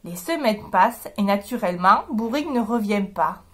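A woman hosting a reading workshop, reading a children's picture book aloud with expressive, drawn-out storytelling. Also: mid-range voice.

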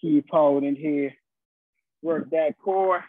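A man's voice: on the high side, steady tone, takes it slowly, no room sound. A young man working as a fitness instructor, coaching a live online workout class with short, encouraging cues and countdowns. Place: small carpeted room at home, indoors. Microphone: laptop or webcam mic on video call. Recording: muffled phone-like video call audio.

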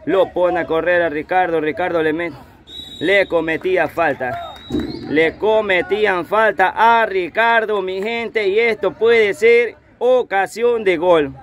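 A man's voice: high voice, slow, slight background noise. A man giving live play-by-play football commentary, repeating his phrases over and over. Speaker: amateur football match commentator. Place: outdoors at a football pitch.

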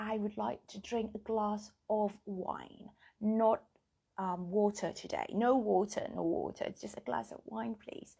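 A woman's voice: mid-range voice, creaky, darkish tone, slightly rough. A Thai woman with a Thai accent giving a casual live-streamed English lesson into a phone camera, chatting and drilling words by repetition.

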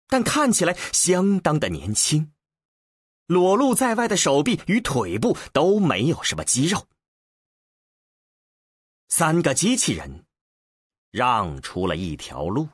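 A man narrating an audiobook with an expressive, deliberate storyteller's delivery. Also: mid-range voice, slightly rough, dry recording, studio quality.

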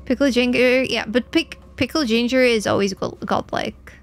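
Speaking at a normal speed in a slightly high, creaky voice, a young Portuguese woman provides casual gameplay commentary while streaming. She banters with her viewers, responding to their messages with jokes and pretend anger.

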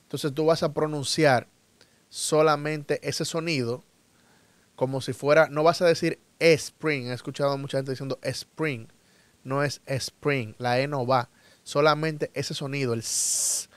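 A man whose first language is Spanish, teaching a lesson and repeating each word slowly and firmly for his students. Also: on the high side, steady tone, clear, resonant tone, dry recording. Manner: repeats words slowly and emphatically for learners. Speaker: English teacher. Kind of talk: slow, drilled language lesson.

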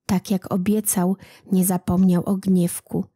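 Woman audiobook narrator for legends; unhurried, dark and slightly breathy, dry close sound. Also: fairly low pitch, no echo. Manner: calm, unhurried reading. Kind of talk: storybook narration.

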